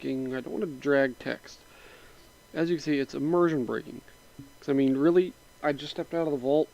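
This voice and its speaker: Poor audio captures this mod tutorial narrator, a man with a middle-pitched voice gone a little raspy from a sinus infection. He's doing a casual screen-recording walkthrough of his computer setup, drifting loosely from step to step. His delivery is laid-back and meandering, full of fillers and side comments.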